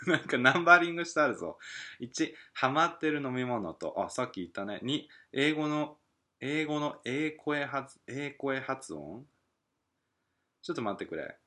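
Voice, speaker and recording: At home at night, a podcast host rambles and muses aloud on his casual solo show while reading listener mail, chuckling softly. His voice is on the lower side.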